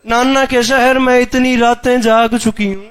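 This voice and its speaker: A man's voice: very high-pitched, level tone, a bit bright, smooth. A man reciting a mournful majlis in a wailing, chanted lament, drawing out lines and breaking into sudden cries.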